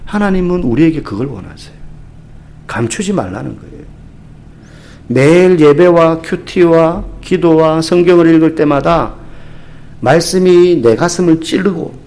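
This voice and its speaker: A man's voice: on the high side, measured pace, darkish tone. A man from the Gyeongsang region of Korea, a pastor giving a sermon, telling stories with acted asides and humor.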